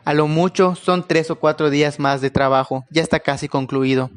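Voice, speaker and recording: A man telling a first-person horror story, in a calm, unhurried manner with occasional pauses. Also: on the high side, clear, resonant tone.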